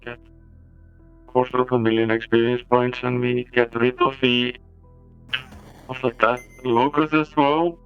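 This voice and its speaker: A man streaming a game, talking in a halting, casual way through a bitcrushed eight-bit robot voice filter. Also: mid-range voice, level tone, smooth, highs cut off, soft background music. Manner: halting, with many pauses. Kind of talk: casual gameplay commentary.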